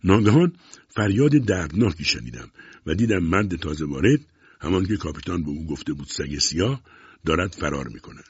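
A man narrating an audiobook in an expressive storytelling way. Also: deep voice, breathy edge, no room sound. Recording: dull muffled recording.

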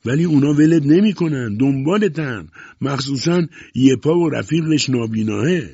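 A man voicing a sly, pushy old male pirate who shouts in a hearty, insistent way. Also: mid-range voice, big pitch swings, husky, dry recording, pitched above the performer's own voice. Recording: dull muffled recording.

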